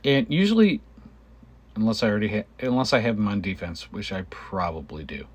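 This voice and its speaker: A man giving casual gameplay commentary, halting and thinking aloud, with a cough and frequent throat clearing. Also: on the low side, lively intonation. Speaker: gamer narrating own gameplay video.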